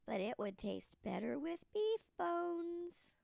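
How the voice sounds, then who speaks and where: A woman's voice: very high voice, sing-song, slow pace, vocal fry, a little mellow, dry recording, exaggerated voice. A woman voicing a cunning, hungry young man who coaxes his way through a storybook tale. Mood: coaxing. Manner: coaxing. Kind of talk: storybook character voice.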